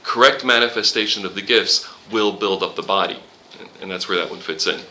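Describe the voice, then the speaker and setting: Fairly quick and pushed, his voice sits on the low side but sounds bright. He guides a casual Bible study group, quoting verses and kidding around with the students, with slight noise behind him.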